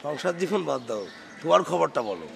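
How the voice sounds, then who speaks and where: A man's voice: fairly high pitch, very animated, fairly quick, vocal fry, fairly bright tone, a little hiss or hum, exaggerated voice. An actor playing a middle-aged husband who scolds his wife and insists he is not old, in a television drama. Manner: indignant, scolding, vain about his age. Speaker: husband in a strained marriage.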